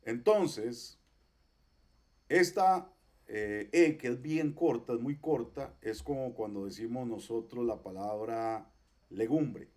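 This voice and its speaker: A man teaching a class, patiently explaining pronunciation and repeating each example slowly. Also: mid-range voice, darkish tone. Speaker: Hebrew teacher. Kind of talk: online class.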